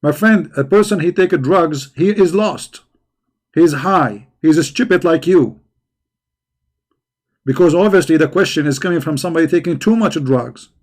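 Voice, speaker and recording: A religious debate streamer responds to viewers' questions combatively and with scorn, speaking at a moderate pace in a slightly high, darkish voice. Repeated words crop up often as he looks for the right phrasing.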